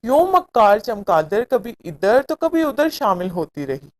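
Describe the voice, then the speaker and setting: Narrating a scripted moral tale for children, this woman uses a measured, expressive storytelling style. Her voice is fairly high in pitch.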